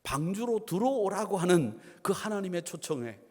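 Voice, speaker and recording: A man's voice: sits high, very animated, normal speed, darkish tone, husky. Man preaching in a reverberant church. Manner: preaching with rhetorical questions and playful asides to the congregation. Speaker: pastor. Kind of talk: sermon. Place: church sanctuary. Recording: long church hall reverb.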